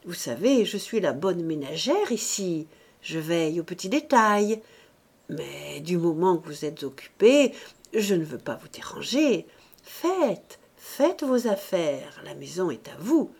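A woman's voice: a little high, animated, a little slow, warm tone, slightly rough, pitched above the performer's own voice. A woman reading an audiobook, voicing a sarcastic judge's wife who speaks with cutting, over-polite mockery. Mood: sneering. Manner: mocking, terribly polite tone.

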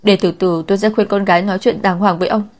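A woman's voice: mid-range voice, fairly even intonation, fast talker, close to an everyday voice. Woman reading as a pleading stepmother. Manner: begging, choked. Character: middle-aged scheming stepmother, pleading and tearful.

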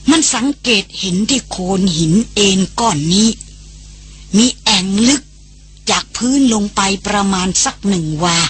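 Woman narrator playing a grumpy old male hunter, gruff and teasing, breathy bright tone. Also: medium pitch, full character voice.

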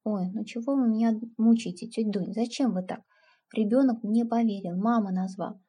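A woman's voice: a little high, steady tone, normal speed, dark tone, breathy edge. A woman voicing a timid, earnest young village woman who pleads and defends herself. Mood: pleading.

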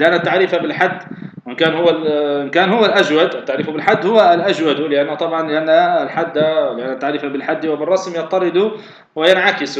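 A man teaching a grammar lesson, explaining step by step. He often poses a question and answers it himself, with many fillers and restarts. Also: fairly high pitch. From Tunisia. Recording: echoey, dull lo-fi recording with faint noise.

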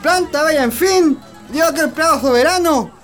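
In a radio play, a man with a very high-pitched voice and a Chilean accent plays a flirtatious Chilean country cowboy, reciting festive folk courtship verses in a singsong way at a moderate pace. His mood is gallant and festive, and soft music and some chatter sit in the background.

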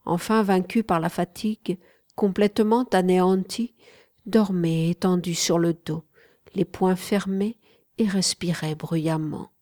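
A woman reads a classic novel aloud in a slow, hushed way, often sinking into a whisper. Her voice sits a little low. The recording is dry and close to the mic. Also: no room sound. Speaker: audiobook narrator. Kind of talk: literary audiobook narration.

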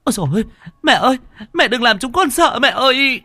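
A man's voice: lively intonation, brisk, sharp tone, exaggerated voice. A man voicing a frightened adult daughter, pleading and stammering. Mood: panicked. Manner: pleading, stammering, shrill when scared.

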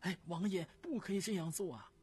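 A man voicing an anxious princess consort who pleads urgently with her husband in a high voice. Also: a little fast, a little mellow, slightly rough. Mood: pleading.

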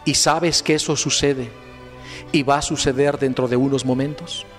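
A man's voice: mid-range voice, steady tone, normal speed. A man preaching a fervent retreat sermon with rising, emphatic exclamations. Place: retreat hall. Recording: echoey hall with faint music.

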